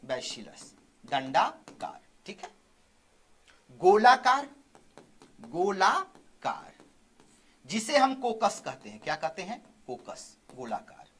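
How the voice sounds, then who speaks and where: A male coaching teacher with a high voice gives an exam-prep biology class. He asks his own questions and answers them, drawing key terms out slowly and repeating them. Quick check-ins of "theek hai" come after almost every point. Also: wildly swooping pitch.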